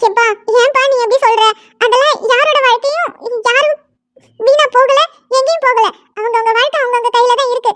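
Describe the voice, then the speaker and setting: A woman voicing an elderly cartoon grandmother who calmly soothes the young couple in a gentle, coaxing way. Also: very high-pitched, a little fast, no echo. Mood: soothing.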